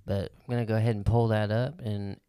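A man from the Midwest co-hosts a casual podcast and jokes around in easy slang. His voice sits a little low. It is recorded close on a dry mic. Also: flat delivery, quick pace, dark tone, clear, resonant tone, dry recording. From American Midwest. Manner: laid-back, joking, slangy. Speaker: podcast co-host.

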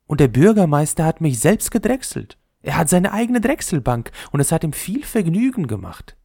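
A man's voice: on the high side, sing-song, normal speed, vocal fry, mellow, dry recording, studio quality, pitched above the performer's own voice, exaggerated voice. A man voicing a proud, boastful male spinning top in a fairy tale, talking eagerly about himself.

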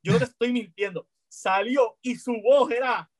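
A man telling a story in casual chat, hesitant, with many restarts, growing animated as he goes. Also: very high voice, moderate pace, dry recording, clean studio sound. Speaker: storyteller in a conversation.

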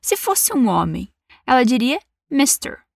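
A Brazilian woman teaching English, saying model phrases slowly for learners to repeat and cheering them on with patience. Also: high-pitched, big pitch swings, vocal fry, darkish tone, no echo, clean studio sound. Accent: Brazilian Portuguese. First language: Portuguese. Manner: encouraging and patient. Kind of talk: bilingual English lesson with repetition drills.

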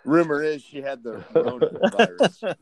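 A man's voice: fairly high pitch, lively intonation, normal speed, a crowd in the background. An American man co-hosting a podcast in casual conversation. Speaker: podcast co-host.

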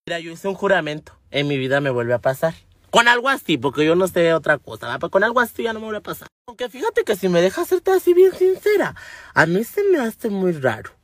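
A man's voice: high-pitched, fairly bright tone, dry recording, clean studio sound. A man playing a brash, foul-mouthed woman with a Mexican accent, telling stories in a salty, gossipy comic monologue. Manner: salty, gossipy, rambling storytelling.

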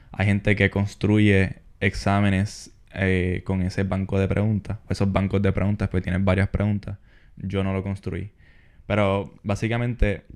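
A young man, co-hosting a podcast and calmly explaining his study plan. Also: low-pitched. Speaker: podcast co-host. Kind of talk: casual advice chat.

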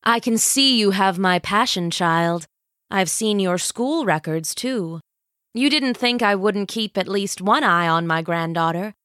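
A woman voicing a shrewd, regal old villainess in armor who speaks slowly and commandingly. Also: medium pitch, fairly bright tone, no echo, clean studio sound, natural voice. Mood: gloating. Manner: slow, gloating, commanding.

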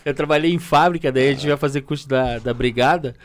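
A man in a casual podcast chat, chiming in with quick reactions and jokes. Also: medium pitch. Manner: reactive, joking, quick interjections.

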